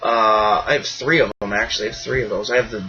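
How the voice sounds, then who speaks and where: A man hosting a podcast in casual chat, excitable and rambling, swearing freely with bursts of enthusiasm. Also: fairly low pitch, fast, highs cut off, soft background music. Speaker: podcast host.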